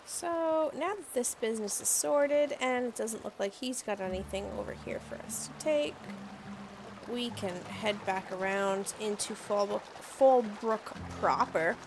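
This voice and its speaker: A woman's voice: on the high side, measured pace, over music. A woman streamer chatting dryly while playing a game, with wry asides. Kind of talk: casual gameplay commentary.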